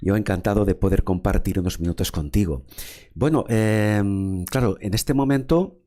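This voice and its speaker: A man hosting a formal interview speaks in a lowish, dark-toned voice at normal speed. He's wordy, with frequent fillers and repeated words.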